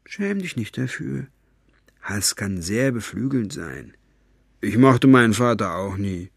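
A man's voice: lowish voice, expressive, slow, vocal fry, breathy edge, no room sound, heavily acted. Male reader as cold villain boss, silky taunts, menacing, storybook audiobook, dry close sound. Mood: taunting. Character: cold mocking male villain leader, adult. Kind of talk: audiobook character voice.

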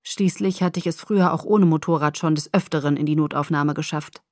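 A woman narrating a novel in the first person, with measured, expressive storytelling. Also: low voice, no room sound, clean studio sound. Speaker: audiobook narrator.

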